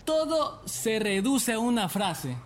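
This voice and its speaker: A man's voice: high-pitched, very animated, slow pace, background noise, full character voice. A man playing a pushy, confident friend who coaches the hero in a comic sketch. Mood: coaxing. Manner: coaxing, pep-talk energy. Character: pushy streetwise buddy, adult man, brash and confident.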